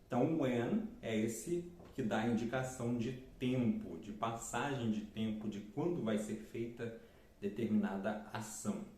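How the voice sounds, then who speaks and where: A man teaching English, repeating key words and reading the example sentences slowly. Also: medium pitch, a little mellow. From Brazil. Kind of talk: explaining English lessons in Portuguese. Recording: roomy echo.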